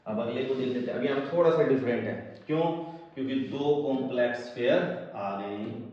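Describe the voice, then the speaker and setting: A man's voice: mid-range voice, brisk, a little mellow. Male teacher, classroom lecture, quizzes students, very echoey, muffled distant sound. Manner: asks the class questions and answers them himself. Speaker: chemistry teacher. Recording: echoey room, distant mic, dull sound.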